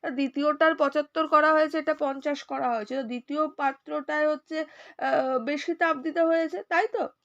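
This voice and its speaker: A woman with a Bengali accent teaching a science lesson, a little unwell and speaking softly. She reads questions aloud, then explains each step and checks that students follow. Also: high-pitched, fairly even intonation, normal speed, lo-fi sound.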